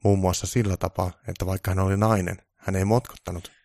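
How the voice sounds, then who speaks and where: A man narrating a comic storybook in a deadpan way. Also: deep voice, gravelly, no room sound, clean studio sound.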